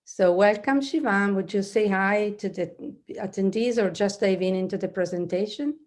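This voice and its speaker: A middle-aged woman welcomes attendees from an indoor office on a webcam call. She is friendly and a little hesitant, with fillers and restarts, and her pitch sits in an ordinary middle range. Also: normal speed, a little mellow. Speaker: webinar host. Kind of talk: webinar hosting. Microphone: webcam on a video call.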